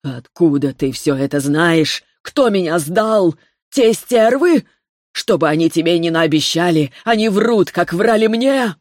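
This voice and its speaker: A woman's voice: lowish voice, normal speed, dry recording, studio quality, natural voice. A woman voicing a trembling, begging mercenary. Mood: panicked. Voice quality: trembling, wheezing voice. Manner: pleading, desperate. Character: terrified grown male mercenary begging. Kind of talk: audiobook character voice.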